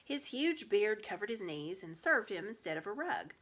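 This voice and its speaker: A woman reads a children's story aloud as a storybook reader, narrating expressively. Her voice sits in the mid range and moves at normal speed.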